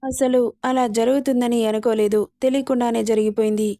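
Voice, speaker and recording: A woman voicing a gentle, shy young woman who speaks softly and hesitantly. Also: fairly high pitch, fairly even intonation, fairly quick, no room sound, clean studio sound, lightly acted. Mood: anxious.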